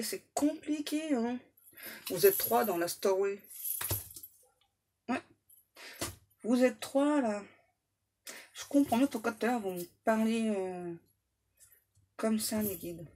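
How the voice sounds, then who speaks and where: A woman giving a casual tarot reading in a somewhat high voice, chatty and playful. She drops slang and jokes with her guides as she goes. A faint hiss sits under her voice. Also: takes it slowly, long pauses, a little mellow. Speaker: tarot medium.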